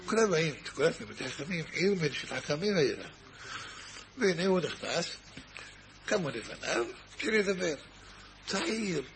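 Male rabbi, sermon-storyteller, a little high-pitched, faint background hiss. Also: vocal fry. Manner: animated storyteller acting out dialogue.

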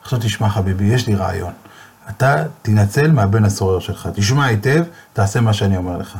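A man voicing a wise, calm old rabbi who confides a plan, in a lower husky voice. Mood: confiding. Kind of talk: storytelling.

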